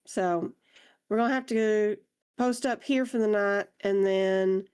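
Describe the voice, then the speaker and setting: A woman's voice: medium pitch, fairly even intonation, slow pace, a little mellow, clear, resonant tone, close to an everyday voice. A woman playing a wry, genteel traveller with folksy, colloquial talk in a tabletop game. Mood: practical, teasing.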